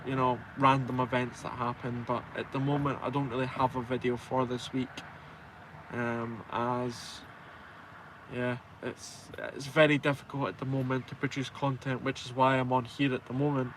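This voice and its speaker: On his live stream, a Scottish truck driver in his twenties chats informally and replies to viewers with self-deprecating humor. The audio is poor with slight background noise, and his voice is medium-pitched and fairly bright, at normal speed with little pitch movement.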